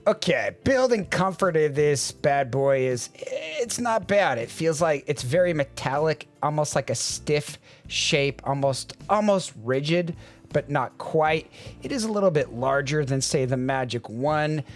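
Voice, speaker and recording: A man talks through an earphone review in a relaxed, wry way, tripping over his words now and then. His voice sits a little on the high side, and faint music plays underneath. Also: measured pace. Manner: relaxed, wry, with frequent restarts. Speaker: audio gear reviewer. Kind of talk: casual product review.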